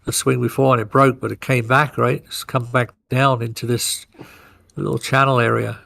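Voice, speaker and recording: A man's voice: mid-range voice, normal speed, creaky. A man hosting a trading podcast, explaining chart moves in casual chat and checking in often with "right?". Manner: walks through chart moves conversationally, with frequent "right?" checks; animated storyteller who acts out market scenarios.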